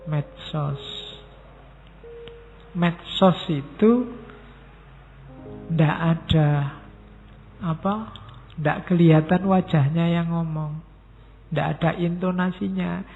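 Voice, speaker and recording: A middle-aged man giving a relaxed, conversational philosophy lecture and acting out sample messages. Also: on the high side. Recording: thin phone-like sound in a reverberant hall.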